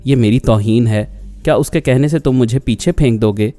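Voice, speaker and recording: A man's voice: medium pitch, normal speed, mellow, soft background music, close to an everyday voice. A man voicing a proud, jealous young woman who talks insistently and indignantly.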